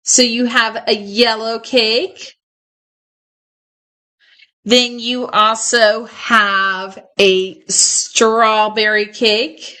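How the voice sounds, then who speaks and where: A middle-aged woman hosts a live stream ornament sale, speaking into a close mic. She talks at an unhurried pace in a slightly high voice. Her manner is chatty and upbeat, with frequent laughter. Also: level tone, pushed and bright. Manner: chatty and enthusiastic, laughs often. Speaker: host of a live ornament sales show. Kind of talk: casual live sales chat.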